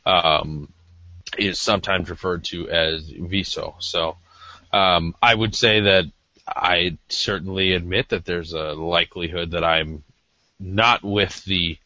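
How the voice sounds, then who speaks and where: A man's voice: deep voice, fairly even intonation, slow, pushed and bright, dry recording. A man co-hosting a podcast in casual, discursive talk, hesitant and self-deprecating as he feels his way through explanations. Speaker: podcast co-host. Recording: slightly dull lo-fi audio.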